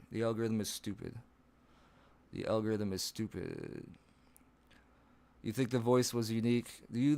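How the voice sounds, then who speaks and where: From home on a live stream, a man chats casually, rambling, swearing and laughing at himself. His low voice cracks into odd higher notes.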